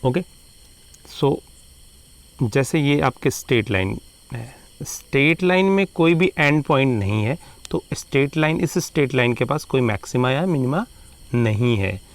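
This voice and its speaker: A man lectures on math at a middle pitch, his voice rough with a gravelly edge. He mixes Hindi and English and draws out key terms slowly for emphasis. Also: expressive. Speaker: math teacher. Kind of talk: classroom lecture.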